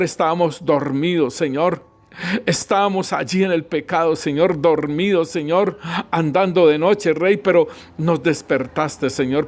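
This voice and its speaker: A man leads a spoken congregational prayer in a fervent, raised-pitch voice. Between phrases he keeps repeating "Señor" and "Rey Santo."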